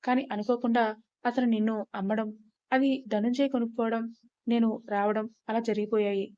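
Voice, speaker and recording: A woman's voice: fairly high pitch, steady tone, brisk, dark tone, dry recording, natural voice. A woman voicing a blunt, guarded young male rowdy in a storybook reading, on a slightly dull recording. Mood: firm.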